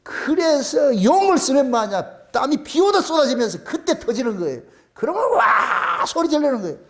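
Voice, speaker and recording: Animated Gyeongsang-accented male pastor. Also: very high voice, brisk, slight background noise. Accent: Gyeongsang dialect. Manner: animated, colloquial preaching full of rhetorical questions. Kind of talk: sermon.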